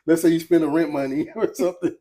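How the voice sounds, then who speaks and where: A man's voice: fairly high pitch, fairly even intonation, quick pace, warm tone. A man chatting casually as a podcast guest, laughing often and trailing off mid-sentence. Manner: laughing storyteller, trailing off and restarting. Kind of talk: casual chat.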